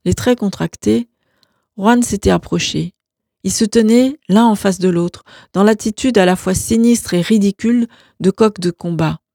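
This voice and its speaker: A woman reading a novel aloud as narrator, in calm, even storytelling. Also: mid-range voice, normal speed, gravelly, dry recording, studio quality. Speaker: audiobook narrator.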